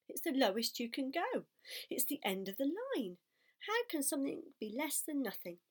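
A woman's voice: high voice, a little mellow, pitched above the performer's own voice, full character voice. A woman voicing a lonely, earnest young pig. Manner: earnest, pleading.

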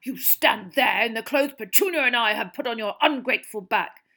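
A woman's voice: medium pitch, expressive, normal speed, gravelly, slightly rough, exaggerated voice. A woman voicing a blustering, furious middle-aged uncle who splutters and hisses with rage. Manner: loud, spluttering, hissing with rage.

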